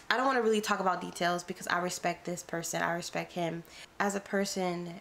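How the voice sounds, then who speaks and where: A young woman vlogging to a close camera in a small plain room, earnest and chatty, circling back and restarting her thoughts. Her voice sits fairly low for a woman. A faint hum of room noise runs underneath. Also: a bit bright. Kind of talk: casual talk to camera. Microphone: camera close in front.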